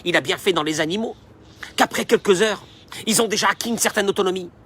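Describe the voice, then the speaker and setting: A man giving a sermon as a rabbi, animated and emphatic and speaking straight to his listeners. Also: sits high, fast talker, a little hiss or hum.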